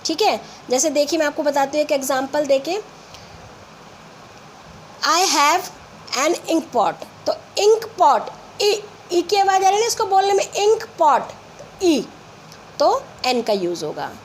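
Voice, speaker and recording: A woman teacher with an Indian English accent explains grammar to school children, patiently and step by step, reading example sentences slowly. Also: high voice, animated, a little hiss or hum.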